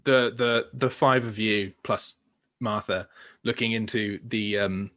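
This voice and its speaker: A man narrating as game master of a tabletop game, halting with many fillers and restarts. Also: on the low side, fairly even intonation, a bit bright. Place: home recording for a podcast.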